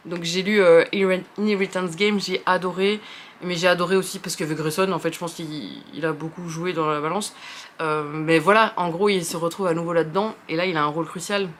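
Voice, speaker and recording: A woman's voice: on the low side, steady tone, fairly quick, slight background noise. A young woman with a French accent chatting casually about books she likes, rambling with many fillers and restarts and poking fun at herself. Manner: self-deprecating, chatty. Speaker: book video host.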